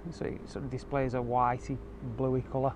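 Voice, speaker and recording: Speaking informally at normal speed, a car audio installer explains a product in a mid-range, slightly mellow voice with a completely flat delivery. The handheld camera picks up clear ambient noise as he moves between an outdoor car park and the car's interior.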